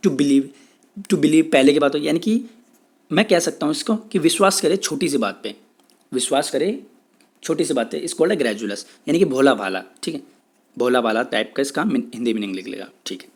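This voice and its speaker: A man with an Indian English accent teaching exam vocabulary in a Hindi-English lecture, repeating himself often and saying English definitions slowly. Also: a little high, expressive, a little mellow, breathy edge. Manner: repetitive, checks in with "theek hai", says English definitions slowly.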